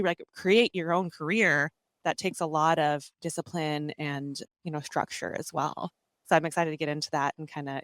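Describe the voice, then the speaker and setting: A woman co-hosting a podcast interview, chatty and animated, with many fillers. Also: deep voice, no echo, clean studio sound. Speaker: podcast co-host. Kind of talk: casual conversational interview.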